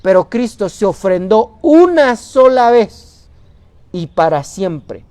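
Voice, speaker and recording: Pastor preaching, lots of rhetorical questions, loud then soft, dry close sound. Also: male voice, sits high, very animated, slow, no room sound. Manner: asks the congregation rhetorical questions, swings between loud and soft. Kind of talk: sermon. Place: church.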